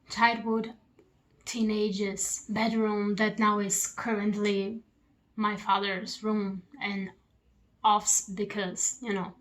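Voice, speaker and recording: A woman's voice: a little high, slight background noise, low-quality recording. A young woman from Brazil with a Brazilian accent, chatting casually to camera from her old bedroom while she eats. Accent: Brazilian Portuguese. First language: Portuguese. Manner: chatty, rambling, eating while talking. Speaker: vlogger. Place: childhood bedroom at her parents' home.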